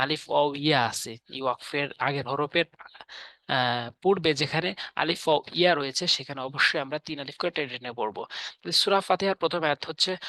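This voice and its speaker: A man teaching how to recite, explaining in plain speech and then chanting verses slowly with long drawn-out vowels. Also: on the high side, sharp tone, no echo. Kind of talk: spoken lesson with slow chanted recitation. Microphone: audio only, no camera.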